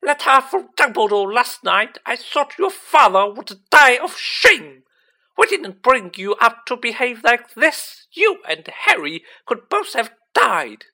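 A narrator voicing a furious middle-aged mother, yelling a shrill, indignant scolding in a storybook. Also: sing-song, slow, full character voice.

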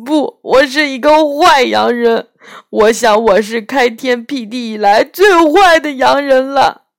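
A woman voicing a gentle, guilt-ridden male faun who talks through sobs in a storybook reading. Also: sits high, a little slow, voice pushed up. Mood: sobbing. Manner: sobbing, choked and pleading.

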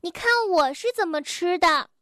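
A woman's voice: very high voice, lively intonation, normal speed, a bit bright, dry recording, clean studio sound. A woman voicing a cheerful young male rabbit with big buck teeth, eager and full of ideas. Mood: chirpy.

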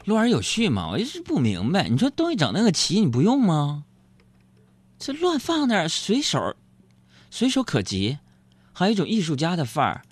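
A man hosting a radio show, joking through a playful, self-mocking monologue that sometimes stammers when he gets excited. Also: fairly high pitch, brisk, breathy edge, no echo. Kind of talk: comic monologue.

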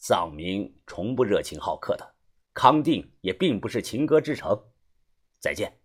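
A man's voice: lowish voice, big pitch swings, a little slow, pitched below the performer's own voice, full character voice. A man doing a smug middle-aged fixer. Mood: sly. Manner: smooth, chuckling, knowing. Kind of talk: audiobook character voice.

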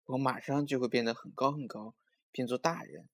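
A man voicing an eager, stubborn little boy who brags in a childish, excited voice. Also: mid-range voice, fairly quick, vocal fry. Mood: boastful.

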